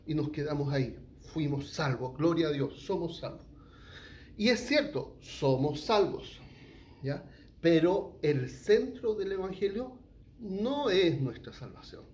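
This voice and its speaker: A man in middle age preaches in a teaching tone, asking his listeners questions and checking in with a quick "ya?". His voice sits a little high for a man, and a faint hum of ambience runs behind him. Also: expressive, darkish tone, highs cut off. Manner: asks the congregation questions, frequent "¿ya?". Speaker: pastor. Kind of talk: teaching sermon.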